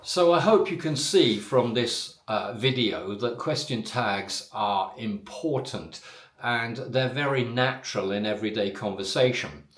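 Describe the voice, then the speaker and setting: A man teaching a spoken English lesson, talking deliberately with exaggerated rising and falling intonation and frequent "uh" and "so" fillers. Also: mid-range voice, a bit bright, reverberant.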